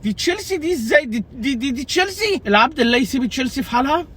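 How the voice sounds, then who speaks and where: A young man with an Egyptian Arabic accent rants casually and jokingly about his fantasy football team, exasperated and repeating himself in a comedic way. His voice is very high, bright and slightly breathy, with lively intonation and a rapid-fire delivery.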